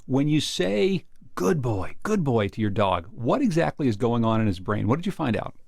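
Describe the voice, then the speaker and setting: A man's voice: medium pitch, sing-song, a little fast, gravelly, darkish tone, no echo, studio quality. A man hosting an interview, asking guests about a study and stumbling lightly at times. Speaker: interviewer host. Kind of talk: broadcast interview questions.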